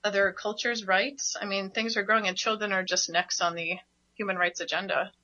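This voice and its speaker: A woman's voice: mid-range voice, steady tone, a little fast, bright, forceful tone. A woman hosting a radio show as a parenting coach, talking passionately and emphatically, often with a laugh. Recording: dull, lo-fi radio recording.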